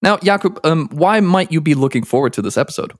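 A man's voice: on the high side, expressive, fast, no echo, clean studio sound. A man co-hosting a podcast, reading a scripted intro in a playful, teasing way. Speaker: podcast co-host.

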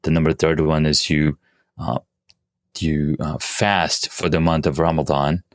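A man's voice: very deep voice, flat delivery, unhurried, dry recording, clean studio sound. A man from Pakistan, a podcast guest, talking casually with many fillers and restarts. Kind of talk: casual interview talk.

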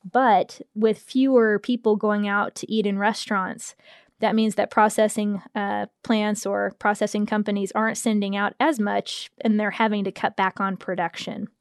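A woman's voice: medium pitch, little pitch movement, moderate pace, clear, resonant tone, no room sound, studio quality. An American woman reporting farm news in a plain, matter-of-fact way. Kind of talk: casual podcast interview.

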